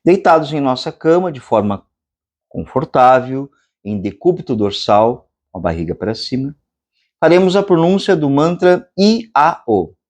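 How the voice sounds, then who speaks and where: A Brazilian man teaches meditation in a slow, measured lecture. His pitch swings widely from phrase to phrase, lifting and dropping as he explains. Now and then he chants long, drawn-out vowels. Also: big pitch swings, a little mellow. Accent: Brazilian Portuguese. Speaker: meditation instructor. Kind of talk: spiritual lecture.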